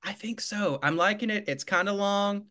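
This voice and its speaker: Bright-voiced man thinking aloud. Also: high voice, normal speed. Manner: hesitant, repeats words while thinking. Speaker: game contestant. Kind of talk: casual podcast chat.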